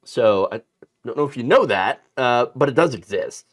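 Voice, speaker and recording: Sarcastic animated male commentator. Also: mid-range voice, normal speed. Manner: sarcastic, animated, with laughs and mocking put-on quotes. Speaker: political commentary host. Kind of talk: casual political commentary.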